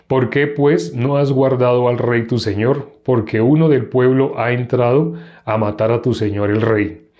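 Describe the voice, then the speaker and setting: A man reading the part of David, a young warrior pleading with a king, in a slow, measured, earnest way. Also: medium pitch, lo-fi sound, natural voice.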